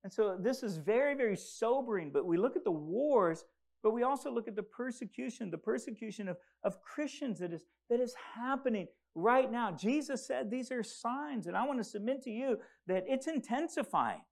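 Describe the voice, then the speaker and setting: A man's voice: very high-pitched, animated, moderate pace, creaky. A man who grew up in Congo preaching a sermon, earnest and rising to urgent emphasis. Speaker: pastor.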